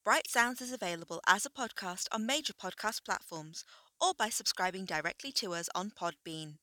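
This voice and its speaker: A woman host reads the podcast's sign-off in a bright, crisp voice. The recording is dry and close. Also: mid-range voice, expressive, moderate pace, no echo. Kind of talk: scripted outro.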